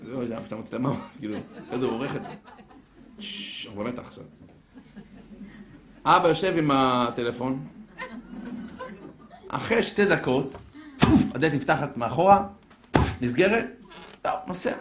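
A man telling a story to an audience in an animated way, building suspense and acting out the characters, in an echoey room. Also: mid-range voice, pauses often, noisy background. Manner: lively, acts out voices, builds suspense.

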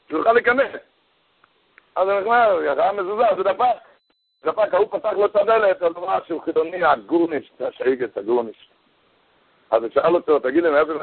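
A rabbi gives a Torah talk as a storytelling sermon, animated and husky, his voice jumping high whenever he acts out the characters he quotes. It comes through as a tinny, phone-like radio broadcast.

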